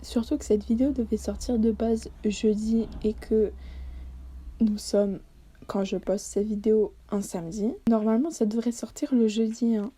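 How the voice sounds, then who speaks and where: A woman's voice: a little high, fairly even intonation, moderate pace, dark tone, husky. A woman vlogger talking casually over a study-with-me video, self-deprecating and hesitant, with many fillers.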